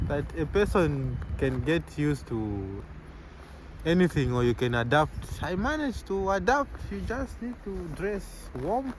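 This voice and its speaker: Easygoing man, slightly high voice. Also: background noise. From Zambia. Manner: easygoing, chuckles between answers, repeats "yeah". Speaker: interviewee, medical student. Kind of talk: casual street interview. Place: outdoors on a city street.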